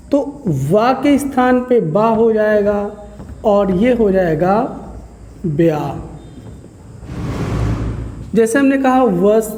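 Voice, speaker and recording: A male teacher lectures on grammar in a slow, unhurried way, setting up each question and then answering it. His voice carries a long reverb, as if the room around him is big and hard-walled. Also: high voice, a little mellow. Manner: explains slowly, asks questions and answers them himself. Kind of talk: classroom lecture.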